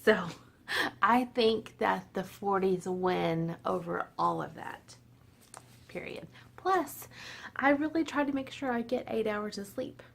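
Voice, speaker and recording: A woman in her forties vlogs from home in a casual, slightly tipsy chat to camera, full of laughter and self-deprecating humor. Her medium-pitched voice is expressive and creaky, her pace slow, with slight background noise.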